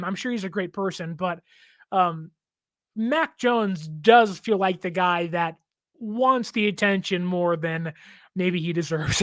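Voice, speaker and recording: A man's voice: high-pitched, a bit bright, no echo, clean studio sound. Chatty young man hosting a podcast. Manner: chatty, laughing, filler-heavy. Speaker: podcast host. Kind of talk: casual chat.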